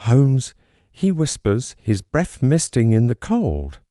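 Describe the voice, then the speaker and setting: A man's voice: mid-range voice, wildly swooping pitch, measured pace, mellow, no room sound, clean studio sound. A man giving a scripted, suspenseful reading of a mystery story for a children's bedtime audience.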